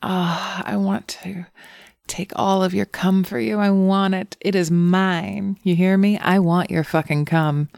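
Woman doing a low slow teasing succubus, gravelly, breathy, dry close sound. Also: steady tone, a little mellow, no room sound. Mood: sultry. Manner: teasing, breathy, slips into whispers. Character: seductive teasing female succubus, playful and wicked. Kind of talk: erotic audio roleplay.

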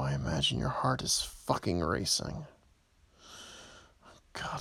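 A gravelly, drawn-out voice of a predatory stalker, performed by a man, lingering on every word. He taunts in a low murmur that keeps sinking into a hushed whisper. The sound is close and completely dry, with no room around it. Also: no echo. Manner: slow, low, taunting delivery with frequent whispers. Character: menacing adult male stalker, predatory and possessive. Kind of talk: audio roleplay voicemail.

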